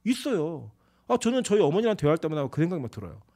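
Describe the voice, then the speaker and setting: A fast-talking male pastor in his forties delivers a sermon from a church pulpit. His voice sits high for a man and leaps around expressively. He drops into chatty asides and acted-out dialogue. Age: 40s. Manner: animated, conversational preaching with quoted asides. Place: church sanctuary.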